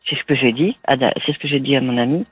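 A woman's voice: rumbling low, rapid-fire, slightly rough, no room sound. A woman calling in to a radio advice show, talking anxiously with stammering repetitions. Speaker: caller. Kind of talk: phone-in call. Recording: tinny phone line.

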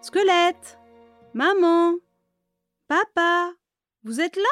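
Lady doing a bossy little witch girl, high voice, lots of exclaiming, storybook. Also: moderate pace, no room sound, soft background music. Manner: lively, exclaiming, high and animated. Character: spirited young witch girl, bold and bossy.

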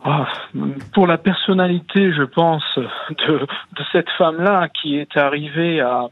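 A man calling in to a radio show over a phone line, recounting things in a measured, thoughtful way. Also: a little high. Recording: tinny, dry phone line.

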